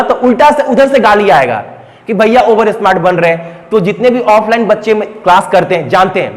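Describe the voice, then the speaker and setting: Very high-voiced young man, echoing hall. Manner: blunt, animated retelling with repetitions. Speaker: exam coaching teacher. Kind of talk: storytelling motivational talk. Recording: long hall reverb.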